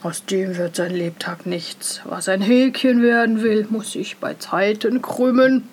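A woman's voice: mid-range voice, unhurried, slightly rough. A woman voicing a scornful, smug elder brother in a fairy tale reading. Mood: mocking.

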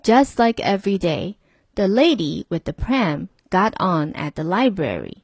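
A woman reading a children's picture book aloud, slowly and gently, lifting her voice for the characters. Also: lowish voice, very animated, husky, no echo. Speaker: storyteller.

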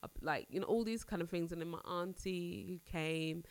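On the low side and at a normal speed, a woman's voice comes through a dry recording. She's a podcast host in her thirties, nasal and congested from a cold, and she chats candidly about personal things. Her talk wanders, full of restarts.

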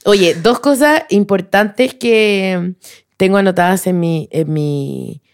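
A woman's voice: mid-range voice, takes it slowly, no room sound, clean studio sound. A young woman with a Chilean accent, co-hosting a podcast, reacting with short encouraging interjections. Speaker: podcast co-host. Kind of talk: casual chat.

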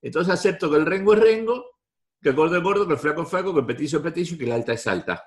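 A man's voice: a little high, animated, racing. A man with a Rioplatense Spanish accent giving a repetitive, emphatic talk to a live audience. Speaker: motivational speaker.

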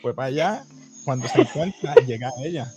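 A man's voice: medium pitch, animated, fairly quick, over loud music. A man co-hosting a casual anime talk show, joking and acting out character lines. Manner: playful, acts out character quotes. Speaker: podcast co-host.

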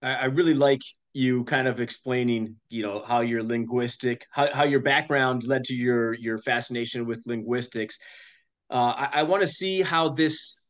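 A man's voice: mid-range voice, moderate pace, fairly bright tone. A man hosting a podcast, asking questions in a hesitant way with many fillers. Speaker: podcast host. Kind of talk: casual interview questions.

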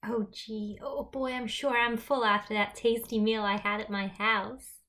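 Woman reading a blunt, bright-voiced teenage girl. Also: a little high, fairly even intonation, a little slow. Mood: mock politeness. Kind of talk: parody screenplay table read.

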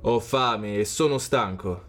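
Man voicing a calm wise king. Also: medium pitch, slow pace, faint music behind, close to an everyday voice.

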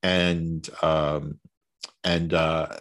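A man's voice: very deep voice, level tone, extremely slow, fairly bright tone. A man from Long Island with a Long Island New York accent, hosting a casual podcast interview in a jokey, self-mocking, chatty way. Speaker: podcast host.

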